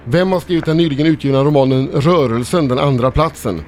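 Male quiz reader, matter-of-fact, slightly high voice. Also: a little mellow, soft background music. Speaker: quiz reader and radio producer. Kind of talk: reading quiz questions.

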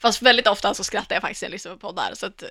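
A woman co-hosting a podcast in casual chat, chatty and quick to laugh, telling stories. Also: mid-range voice, sharp tone, no room sound, studio quality. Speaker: podcast co-host.

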